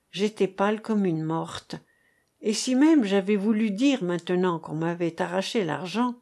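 Woman audiobook reader, slow and measured literary narration. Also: medium pitch, darkish tone. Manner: measured, unhurried reading.

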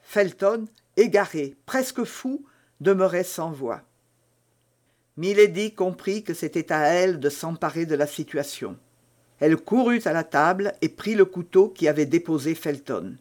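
A man narrating a classic novel in a measured, literary audiobook reading. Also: on the high side, animated, darkish tone.

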